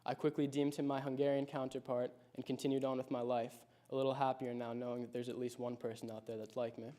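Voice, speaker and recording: A high school senior in his late teens shares his story through a prepared personal speech, speaking reflectively and with measure. His pitch barely moves, and his tone is dark.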